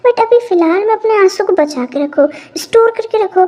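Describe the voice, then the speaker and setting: Woman doing a teasing young husband, high. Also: animated, moderate pace, mellow. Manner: teasing, coaxing. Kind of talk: amateur fan audio drama.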